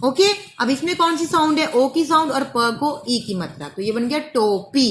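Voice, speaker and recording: High-voiced woman teaching small children. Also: moderate pace, a little hiss or hum. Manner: patient, stretches out sounds syllable by syllable, calls listener "beta". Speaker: primary school teacher. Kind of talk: slow spelling-out lesson for young children.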